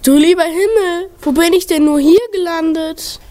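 A woman's voice: very high voice, fairly even intonation, normal speed, mellow, pitched above the performer's own voice. A woman voicing a proud male wooden spinning top in a storybook reading, boastful and dramatic. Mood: dismayed. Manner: boastful, then plaintive and dramatic. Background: music.

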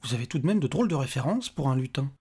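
A man reading aloud and voicing a despairing, disbelieving man who answers in a blunt, rude, sharp-tongued way. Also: medium pitch, expressive, very fast, husky. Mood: incredulous. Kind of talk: audiobook character voice.

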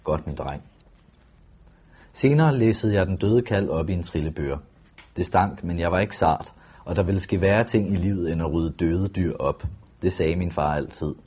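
A man with a low, husky voice reads a first-person novel aloud. His delivery is calm, measured and steady. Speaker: audiobook narrator.

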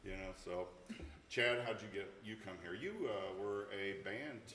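A man hosting a casual interview podcast, chatty and quick to pile up repeated yeahs. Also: fairly low pitch, a crowd in the background. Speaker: podcast host. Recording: echoey room, clear background noise.

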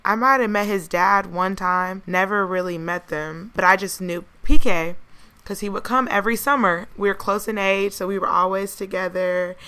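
An American woman co-hosting a casual podcast, telling stories in a candid, slangy way, her voice hoarse with a smoker's rasp. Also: medium pitch, fairly even intonation, normal speed, pushed and bright. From United States. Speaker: podcast co-host. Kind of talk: casual chat and storytelling.

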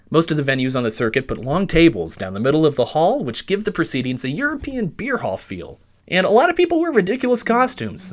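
A man hosting a podcast from inside a basement closet, narrating a scripted sports story in an animated storytelling way. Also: fairly high pitch. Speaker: podcast host.

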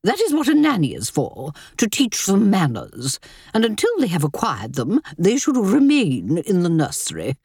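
A woman's voice: on the low side, wildly swooping pitch, normal speed, a little mellow, slightly rough, no echo, clean studio sound, pitched above the performer's own voice, heavily acted. A woman voicing an imperious elderly countess who disapproves of everything. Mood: haughty. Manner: haughty, disapproving.

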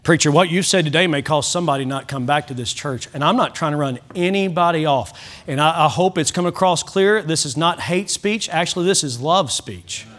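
A pastor with a notably high voice delivers a Sunday sermon in a church. He speaks earnestly and directly, and he often trips over a word and restarts it before pressing on. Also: brisk, fairly bright tone. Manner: earnest preaching with repeated restarts.

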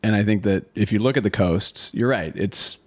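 Deep-voiced easygoing male host. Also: normal speed, no echo. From Minnesota. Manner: affirming, easygoing. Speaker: interview host. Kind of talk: conversational interview.

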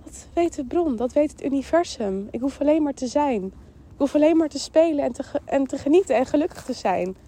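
A woman with a Dutch accent hosting a podcast, giving a calm, emphatic mindfulness talk that repeats phrases and voices the thoughts in her head. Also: high-pitched, fairly quick. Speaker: podcast host. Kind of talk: mindfulness monologue.

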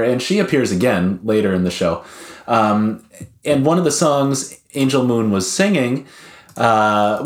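A man's voice: mid-range voice, reverberant. A man casually telling a long, wry story in a rambling, hesitant way. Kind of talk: casual chat.

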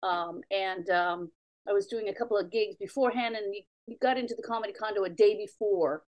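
Female comic guest, middle-aged, from Canada, average pitch, casual wry storytelling. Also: a little fast, a little mellow, dull audio. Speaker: comedian guest. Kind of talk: casual anecdote telling.

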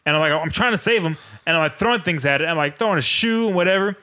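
A man's voice: fairly high pitch, lively intonation, rapid-fire, pushed and bright. A young man co-hosting a casual podcast, telling a laid-back, profane story and doing little voices for the people and animals in it. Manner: laid-back storyteller, does funny voices for animals and his dad, lots of swearing. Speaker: podcast co-host. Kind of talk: casual chat.

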